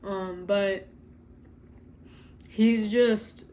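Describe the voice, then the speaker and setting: A woman's voice: medium pitch, fairly even intonation, drawn-out words, warm tone, slight background noise. A young woman talking to camera in a casual, earnest way, chatting directly to her viewers with lots of "like" and "y'all.". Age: young adult. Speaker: vlogger.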